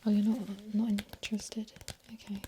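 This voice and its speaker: A woman in an ASMR role-play as a sassy librarian, speaking in a breathy library soft voice. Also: medium pitch, monotone, moderate pace, slight background noise. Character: sassy female librarian pushing books on a visitor.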